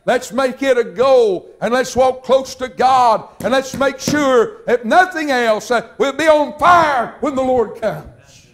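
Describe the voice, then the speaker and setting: A man preaching a revival sermon, fervent and drawn out, sometimes shouting. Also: very high-pitched. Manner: fervent, shouting at peaks, drawn-out emphatic phrases. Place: church sanctuary.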